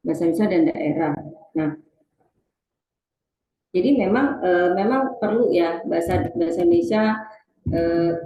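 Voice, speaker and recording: A woman's voice: fairly low pitch, warm tone, echoey room, poor audio. A woman presenting an online webinar on teaching reading, talking to the audience and reading out chat replies with many fillers.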